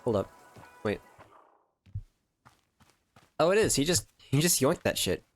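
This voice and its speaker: A man streaming a video game, talking casually and excitedly, swearing and saying bro. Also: mid-range voice, a little slow, faint music behind. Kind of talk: casual gaming commentary.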